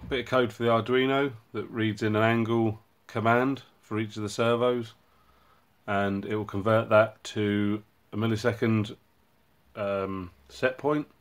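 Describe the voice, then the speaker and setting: A man hosting his own hobby channel, casually walking through a project and explaining it in a relaxed way with frequent ums and uhs. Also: fairly low pitch, unhurried. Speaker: robotics hobbyist channel host.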